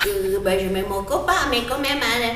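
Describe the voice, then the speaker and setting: A timid little pig puppet giggles and frets about being eaten, as a woman puts it on. The voice is high and rings in the room. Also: moderate pace, fairly bright tone, lightly acted. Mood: nervous. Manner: nervous, giggly. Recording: echoey room, faint noise.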